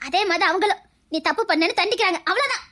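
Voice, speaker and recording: A woman's voice: very high-pitched, racing, sharp tone. A woman voicing a stern, grieving mother who scolds her grown son in a dubbed serial drama. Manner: scolding, dismissive.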